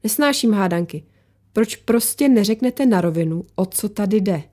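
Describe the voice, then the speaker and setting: A guarded war photographer snaps and pushes back, as a woman reads her lines. Her voice stays mellow and dark even when she bristles, sharp and defensive in manner. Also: medium pitch, natural voice. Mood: defiant. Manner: defensive, snapping, agitated.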